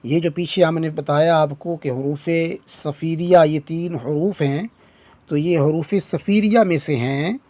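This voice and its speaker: A man teaching a beginner lesson, sounding out letters slowly and stretching them, then explaining in short phrases. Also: on the high side, warm tone, no room sound. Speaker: Quran reading teacher.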